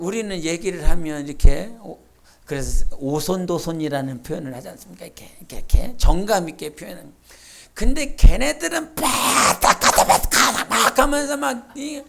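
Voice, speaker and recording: Gravelly woman pastor preaching emphatically. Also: mid-range voice. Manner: emphatic preaching with sudden loud bursts and soft asides; acts out quoted speech and imitates sounds. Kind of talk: sermon. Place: church sanctuary.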